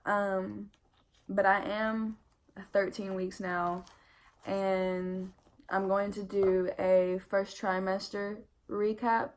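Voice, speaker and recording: Chatty young woman, flat-toned pregnancy vlog. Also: medium pitch, drawn-out words. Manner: chatty and candid, lots of "like" and "I mean" fillers. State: pregnant and tired, yawning. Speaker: vlogger. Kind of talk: casual pregnancy update vlog.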